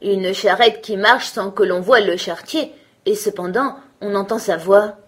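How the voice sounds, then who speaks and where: Woman doing a greedy scheming stranger, low confiding tone, storybook, husky. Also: normal speed, lightly acted. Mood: surprised.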